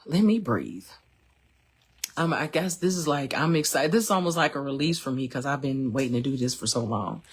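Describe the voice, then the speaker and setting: A woman's voice: extremely low pitch, fairly even intonation, fast talker, few pauses, slightly rough. Emotional woman sharing her testimony. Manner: emotional, earnest, many fillers. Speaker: host of a live stream. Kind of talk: personal testimony, casual talk.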